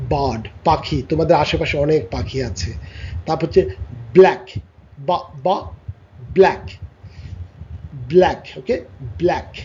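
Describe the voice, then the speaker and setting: A man with a Bangladeshi accent teaching English vocabulary to young children, repeating each word and its sounds slowly. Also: a little high, darkish tone. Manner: slow drilled pronunciation, repeating words and sounds. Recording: slightly dull lo-fi audio with faint noise.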